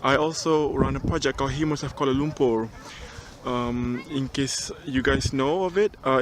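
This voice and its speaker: A young man recording a casual video cover letter outdoors on a mountain top, relaxed and chatty, with frequent ums and restarts. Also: medium pitch. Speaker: job applicant. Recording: outdoor recording with clear background noise.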